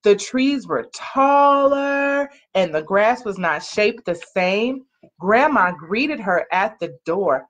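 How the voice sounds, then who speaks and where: An animated woman with a mid-range, a bit bright voice reads slowly through a picture book for children. Like a parent on a couch in a small living room, she draws out key words and asks her listeners questions, recorded with muffled lo-fi quality by a laptop or webcam mic at arm's length.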